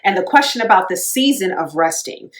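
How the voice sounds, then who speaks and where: A woman co-hosting a podcast, chatting casually about faith and rest in long, animated run-on thoughts. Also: mid-range voice, brisk. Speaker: podcast co-host.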